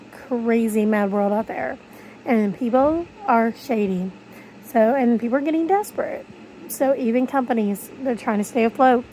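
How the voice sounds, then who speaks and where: A woman's voice: on the high side, mellow, a little hiss or hum, poor audio. A woman speaking casually to her viewers in a rambling vlog, her speech slightly slurred by missing front teeth. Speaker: video creator. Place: bedroom, lying in bed.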